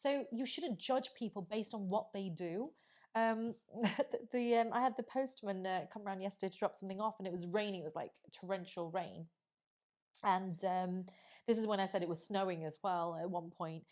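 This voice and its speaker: A woman's voice: mid-range voice, moderate pace, a little mellow. A woman co-hosting a casual chat, joking and laughing often as she talks. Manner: jokey, laughs often, teasing asides. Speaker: podcast co-host.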